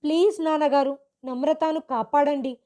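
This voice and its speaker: A woman's voice: high-pitched, steady tone, moderate pace, warm tone, lightly acted. A woman voicing a desperate young husband in a story, pleading urgently.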